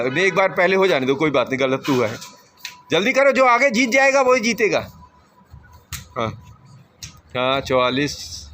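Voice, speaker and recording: A man's voice: a little high, pushed and bright. A man coaching children through a game, calling out instructions and encouragement. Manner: encouraging, calls out instructions and praise. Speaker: teacher. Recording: clearly noisy outdoor recording.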